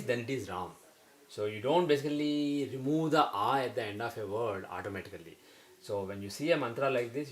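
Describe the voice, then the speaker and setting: A man teaching a lesson, explaining carefully and slowing down to sound out example words. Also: medium pitch, rough recording.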